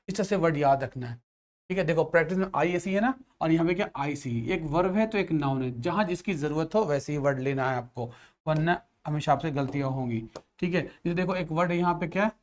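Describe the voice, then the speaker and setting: A man's voice: fairly high pitch, brisk. A man with an Indian accent teaching an English grammar lesson to exam students, explaining patiently and often checking that they follow.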